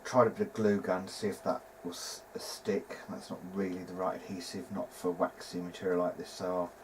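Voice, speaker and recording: Working through a hands-on repair, a hobbyist radio restorer and presenter talks informally in a lowish voice at a fairly quick pace. He sounds hesitant, as if puzzling things out while speaking. Clear, steady background noise runs through the recording.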